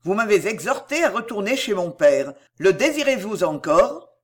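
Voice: mid-range voice, sing-song, moderate pace, close to an everyday voice. A reader voicing an ardent young man, earnest and imploring, in an audiobook of a classic novel.

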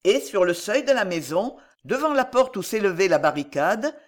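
An audiobook narrator reading a historical adventure novel aloud with expressive, dramatic narration. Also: mid-range voice, normal speed.

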